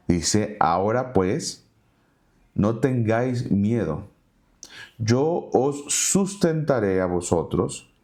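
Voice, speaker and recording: A man's voice: lowish voice, a little mellow. A man teaching a Bible study, reading verses aloud and then retelling them in casual everyday words. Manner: reads scripture aloud then paraphrases it conversationally.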